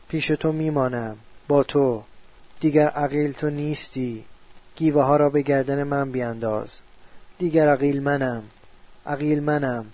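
A man's voice: a little high, dry recording, lightly acted. An actor playing a distraught man who argues and pleads with himself at night, in an agitated, quarrelsome way, in a radio drama. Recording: dull, dry studio recording.

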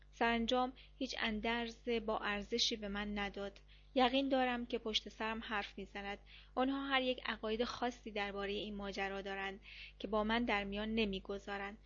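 An audiobook narrator with a slightly high voice reads a first-person diary story at a steady, measured pace, staying calm and even throughout. The audio is dull and lo-fi, sounding muffled with the top end dulled.

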